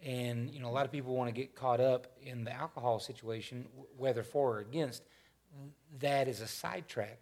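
A man's voice: mid-range voice, fairly even intonation, fairly quick, darkish tone. A man in his fifties leading a church panel discussion in a folksy, rambling way, often restarting his sentences. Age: 50s. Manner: rambling, self-correcting, folksy.

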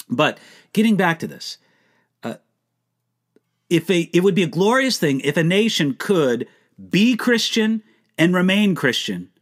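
Animated, emphatic male Bible teacher. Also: high voice. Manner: emphatic, earnest, rhetorical questions. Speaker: Bible teacher answering viewer questions. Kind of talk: live Q&A teaching.

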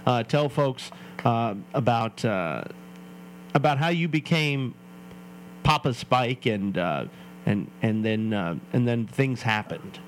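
A man's voice: medium pitch, expressive, slow, a little hiss or hum, low-quality recording. A man hosting a casual radio chat show, joking and playful, often restarting his sentences. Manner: jokey, playful, stammering restarts. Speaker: radio host.

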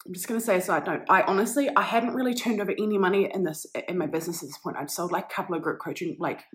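A woman's voice: on the low side, racing. A young woman hosting a solo podcast, talking casually and swearing freely in an upbeat, motivational way. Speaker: podcast host.

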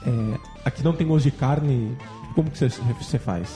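A man's voice: medium pitch, a little fast, mellow, faint music behind. A Brazilian man with a Brazilian Portuguese accent in a casual group chat, plain-spoken and fond of quizzing the others. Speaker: podcast co-host.

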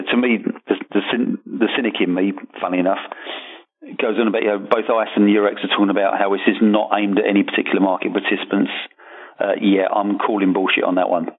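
A man who writes a markets column, talking through an issue in casual podcast chat, hesitant and full of restarts. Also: lowish voice. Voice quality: hesitant, many restarts and fillers. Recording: phone-like narrow sound.

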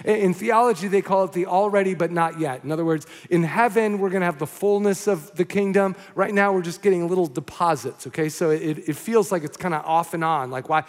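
A man preaching a sermon from a church stage, telling a story in an animated, rambling way, with many fillers and restarts. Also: sits high, a little fast, few pauses, long reverb tail. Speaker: pastor.

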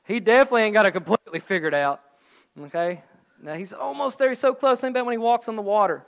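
A middle-aged man preaching a sermon, telling the story in a lively, joking way with asides, and reading scripture slower and softer. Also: high-pitched, gravelly, low-quality recording. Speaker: pastor.

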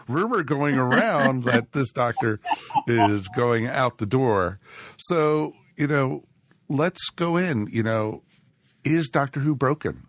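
Medium in pitch and fairly bright, this man's voice comes through a dry recording as he hosts a laid-back live podcast. A cold leaves him a touch scratchy, and he rambles on with many fillers and restarts.

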